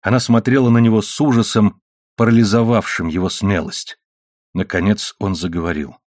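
A man reading an adventure novel aloud as an audiobook narrator, in steady storytelling. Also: fairly low pitch, moderate pace, no echo, studio quality.

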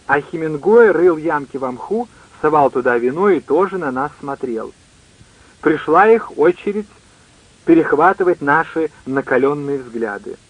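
Man narrating an audiobook, higher voice. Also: phone-quality sound.

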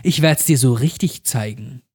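A man's voice: mid-range voice, normal speed, darkish tone, breathy edge. A man voicing a tortured little girl in a horror story, speaking in a raised, thin voice that turns bitter and accusing. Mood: vengeful. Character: mutilated little girl, weak then enraged.

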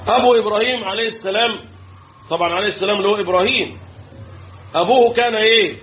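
A high-pitched Egyptian man gives a religious lesson, quizzing his audience and answering his own questions. He recites verses in a slow, drawn-out way. The recording is thin and phone-like, with faint hiss underneath. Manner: asks questions and answers them, quotes verses slowly. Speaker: Islamic teacher explaining Quran commentary.

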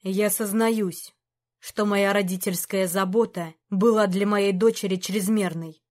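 A woman voicing a stern aging king who speaks slowly and gravely to a knight who disappointed him. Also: mid-range voice, fairly even intonation, a little mellow, natural voice. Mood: grave reproach. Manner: slow, grave, measured.

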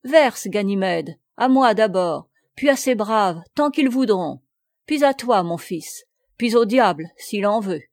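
A swaggering huguenot captain, rough-edged and loud with drink, as a woman narrator puts him on in a storybook reading. He sneers and blusters, delivered at a slow, deliberate pace in a dry, close recording. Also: medium pitch, lively intonation, no room sound. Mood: drunken bluster. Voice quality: rough, boisterous. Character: brash drunken male huguenot captain, mocking.

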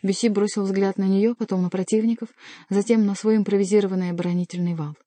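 A woman narrating an adventure novel as an audiobook reader, in an even, measured storytelling manner. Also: mid-range voice, no echo. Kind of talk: scripted narration.

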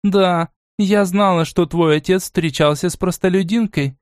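A stern, aristocratic old grandmother played by a man speaks in a measured, cool, commanding way in this audiobook. Her voice sits a little high. The recording is dry and close. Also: darkish tone, dry recording. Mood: angry.

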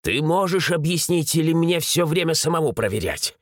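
A man's voice: a little high, expressive, moderate pace, dry recording, clean studio sound, voice pushed up. A man voicing an irritable mustached city constable who talks in curt, growling orders. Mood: gruff.

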